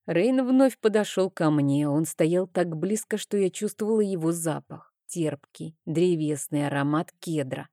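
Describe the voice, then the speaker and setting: Female audiobook narrator, first-person fantasy, expressive, low mellow voice, dry booth sound. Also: a little slow, hardly any pauses, no room sound.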